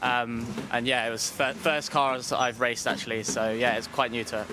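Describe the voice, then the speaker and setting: A man in his thirties, an amateur racing driver, chats casually during an interview inside a paddock awning tent, speaking into a handheld interview microphone. His mid-range voice holds a level tone at a moderate pace, with noise in the background.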